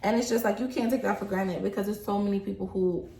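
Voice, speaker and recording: A woman's voice: mid-range voice, fairly even intonation, fast, vocal fry, warm tone. A woman in her twenties chatting casually about getting older, talking with lots of "like" fillers. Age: 20s. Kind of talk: casual chat. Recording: echoey room with faint noise.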